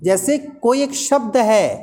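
A woman's voice: on the high side, lively intonation, slow pace, warm tone. A woman teaching an English lesson, explaining patiently and repeating example words aloud.

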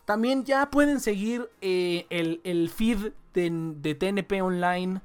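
A man's voice: high-pitched, slow, clean tone. Man, podcast host, casual chat, swears freely, jokey slang. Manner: profane, joking slangy banter.

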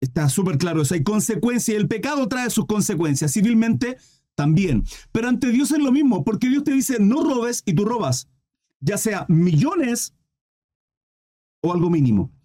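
Male preacher, fairly high voice with a warm, dark tone, rhetorical sermon delivery. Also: sing-song, moderate pace. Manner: addresses listeners as brothers, asks rhetorical questions.

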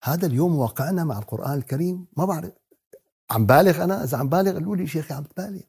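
A man teaching Quran commentary. He asks the audience questions, answers them himself, and addresses the listeners warmly. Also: on the high side, animated, racing, gravelly, husky. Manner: talks to the audience as "beloved ones" in a warm teaching tone.

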